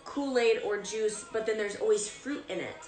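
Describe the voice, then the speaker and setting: A young woman in casual chat, animated and quick to laugh. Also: mid-range voice, echoey room, soft background music.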